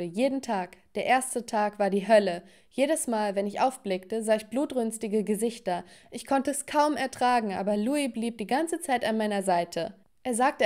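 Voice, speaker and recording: A young woman narrating a dramatic first-person story for an animated video. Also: a little high.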